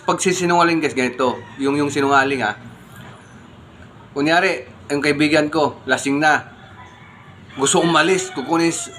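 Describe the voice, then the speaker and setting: Bright-voiced man vlogging casually. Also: on the high side, a little hiss or hum. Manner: conversational, keeps saying "guys", rhetorical questions. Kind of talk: casual morning vlog talk.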